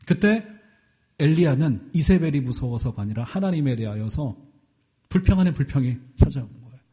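A middle-aged male pastor delivers a sermon in a medium-pitched, animated voice at a fairly quick pace. He poses questions to the congregation and swings between loud and soft.

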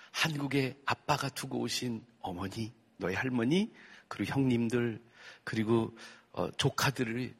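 A man voicing a gentle, patient mother who speaks softly and slowly to comfort her crying son. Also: medium pitch, husky. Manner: soft, slow, hushed tenderness.

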